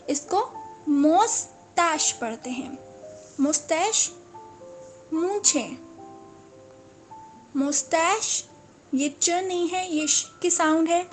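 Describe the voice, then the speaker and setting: A woman teaching English vocabulary, saying each word slowly, repeating it and correcting common mispronunciations. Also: extremely high pitch. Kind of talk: slow, repetitive vocabulary lesson.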